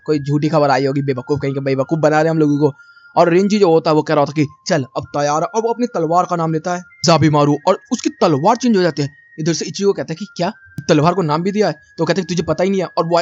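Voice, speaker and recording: Fast-talking man recapping anime, lo-fi sound. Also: a little high, a little mellow. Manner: chatty, addresses viewers as brother, slangy asides. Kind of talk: casual spoken recap narration. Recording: dull lo-fi recording.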